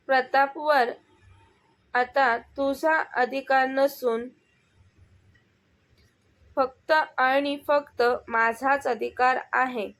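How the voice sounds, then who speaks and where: A young wife, firm and unafraid, scolding her rival in a slow, deliberate way, as a woman narrator voices her. Her voice sits high and stays steady.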